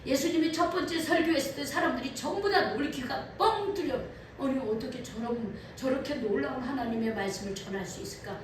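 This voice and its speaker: A woman pastor preaching a sermon in a church, animated and asking her congregation questions. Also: high-pitched, brisk, a little hiss or hum. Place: church sanctuary. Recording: echoey hall from far off.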